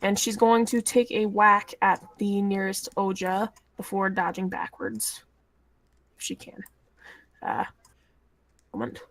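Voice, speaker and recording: A woman's voice: mid-range voice, dry recording. A woman playing in a tabletop game, playfully describing what her character does. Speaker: player. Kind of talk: casual tabletop play.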